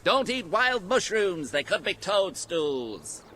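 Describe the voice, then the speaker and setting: A man's voice: high-pitched, sing-song, takes it slowly, pushed and bright, soft background music, exaggerated voice. An actor voicing a preachy male game character who recites advice in a lecturing, sing-song way.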